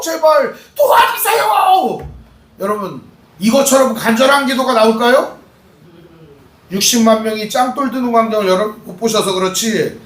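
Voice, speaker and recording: A man with a high voice preaches a sermon, quizzing the congregation and acting out the people in his story. He sounds a little far from the mic. The church hall around him rings with echo. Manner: animated preaching, acts out quoted voices, asks the congregation questions. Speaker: pastor. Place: church sanctuary.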